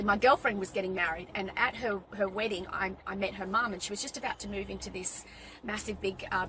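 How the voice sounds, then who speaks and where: A woman in her forties, born in Wales and raised in Western Australia, chatting as a guest in a car interview, with many ums and restarts. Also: mid-range voice. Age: 40s. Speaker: guest, fitness business owner. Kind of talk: casual interview chat. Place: inside a car. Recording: car interior with road noise. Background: vehicle noise.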